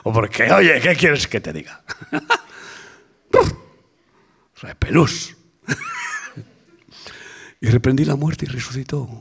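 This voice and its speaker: Older guy preaching, husky gravelly voice, drops to whispers then booms back up. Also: expressive, moderate pace. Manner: swings from loud emphatic calls to hushed, near-whispered asides. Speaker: pastor. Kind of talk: sermon.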